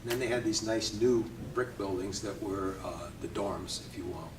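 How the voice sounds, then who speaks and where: An older Navy veteran from Connecticut tells his memories in an easygoing way, chuckling now and then and pausing on small hesitations. His fairly low voice sits a little way from the mic in a roomy, echoing space, with a faint hum of ambience underneath. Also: distant mic. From Connecticut, USA. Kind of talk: reminiscing interview.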